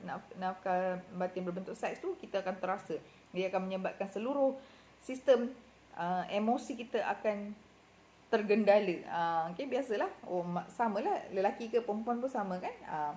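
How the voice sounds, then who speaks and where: A woman's voice: mid-range voice, a little mellow, slight background noise. A middle-aged woman with a Malaysian Malay accent gives casual marriage advice, talking in a chatty way full of fillers and self-corrections. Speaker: marriage and relationship advisor.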